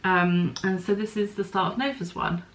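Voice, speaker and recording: A woman's voice: medium pitch, fairly even intonation, normal speed, poor audio. A middle-aged woman hosting a podcast, chatting casually about her knitting and spinning, thinking aloud and stopping to apologise for small slips. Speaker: podcast host.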